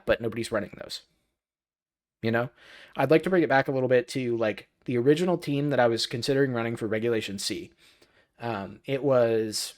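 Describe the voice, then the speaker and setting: A man streaming his live breakdown of a match, rambling and thinking aloud as he goes. His voice sits at an ordinary middle pitch, and he jumps from one point to the next without much pause. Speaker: streamer analyzing a match broadcast.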